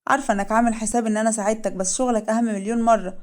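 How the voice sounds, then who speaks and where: A woman's voice: a little high, steady tone, racing, a little mellow, close to an everyday voice. A woman voicing a spirited, cheeky young heroine, playful and teasing.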